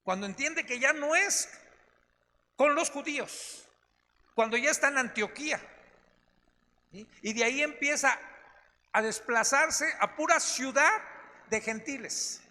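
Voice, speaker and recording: A man's voice: very high-pitched, a little slow, long pauses, sharp tone. A man, a pastor teaching a Bible study in a chatty way that keeps checking in with his listeners. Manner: chatty, tags lines with "¿no?" and "¿sí?". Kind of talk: conversational Bible study preaching. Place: church meeting hall. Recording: echoey hall with faint noise.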